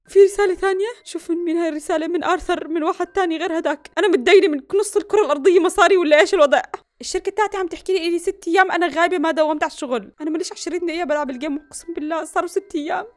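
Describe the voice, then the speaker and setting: A woman's voice: extremely high pitch, rapid-fire, few pauses, a little mellow. A young woman, commentating a horror game, gasping and jumping between muttering and yelps. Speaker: gaming YouTuber.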